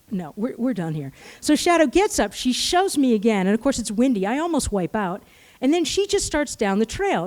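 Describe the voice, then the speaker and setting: Middle-aged woman storyteller, higher voice, animated and self-mocking live delivery. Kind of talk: personal story told live on stage.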